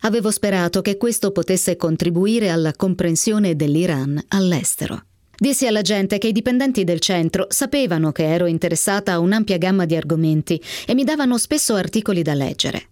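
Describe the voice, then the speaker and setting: A woman narrating a memoir in the first person on the radio, with a calm and measured reading. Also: on the low side, no echo, clean studio sound. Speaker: reader. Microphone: studio microphone.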